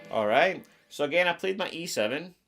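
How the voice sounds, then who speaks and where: In a small attic music room at home, a middle-aged guitar teacher with a broad Scottish accent gives a relaxed lesson to camera. His gravelly voice is fairly high, lively in intonation and a little fast, with electric guitar playing in the background.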